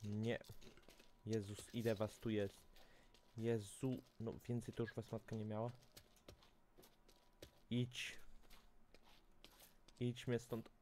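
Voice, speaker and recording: Guy with a dark mellow voice doing chatty game commentary at his desk mic, talks to viewers, faint key clicks behind. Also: on the low side, little pitch movement, takes it slowly, pauses often, slight background noise. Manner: chatty, talks to viewers, frequent self-corrections. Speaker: gaming channel host. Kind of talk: casual let's-play commentary.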